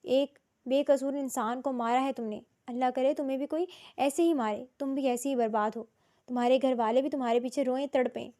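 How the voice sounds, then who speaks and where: A woman narrator voicing a grieving young widow who shouts tearful accusations. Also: sits high, fairly even intonation, lightly acted. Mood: furious.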